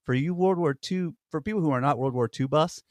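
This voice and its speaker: On the high side and a little fast, this male podcast co-host rambles through casual stories, full of fillers and restarts. The studio sound is clean, without echo.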